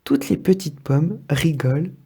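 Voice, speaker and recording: A man reading a children's story aloud in a gentle, measured way. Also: on the high side, animated, gravelly, breathy edge.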